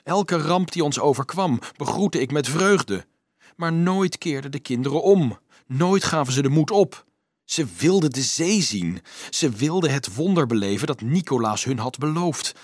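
A man's voice: a little high, lively intonation, measured pace, dry recording, studio quality, voice pushed up. A man doing a frightened, guilt-ridden man pleading. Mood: confessing. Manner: anxious, pleading, voice rising.

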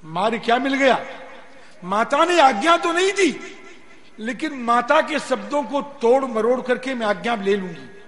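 A man giving a religious discourse, explaining scripture and chanting its verses in a slow, drawn-out way. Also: extremely high pitch, animated, a bit bright. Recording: long hall reverb, faint noise.

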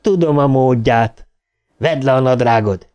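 A man voicing a menacing middle-aged father who speaks with slow, obsessive, chanting calm. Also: medium pitch, clean tone, close to an everyday voice.

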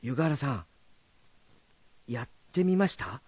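An actor playing a young, earnest rakugo storyteller who is direct and meddling but kind. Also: male voice, mid-range voice, measured pace, husky, no room sound. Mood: pushing. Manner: animated, direct speech.

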